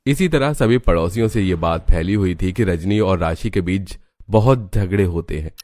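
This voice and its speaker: A man narrating an animated family story in a steady storytelling way. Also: low voice, moderate pace.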